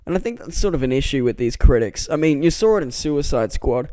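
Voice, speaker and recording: Indoors, a man vlogs in a rambling, self-mocking way, stumbling and restarting words often. His voice sits a little high and sounds animated, brisk, and warm, with no room sound, captured on a close microphone that pops on plosives.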